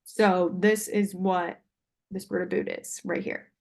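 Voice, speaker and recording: A woman's voice: on the low side, flat delivery, takes it slowly, creaky. A young adult woman giving a sales presentation on a video call in an informal, somewhat hesitant way. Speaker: salesperson pitching to a buyer. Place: video call with screen sharing.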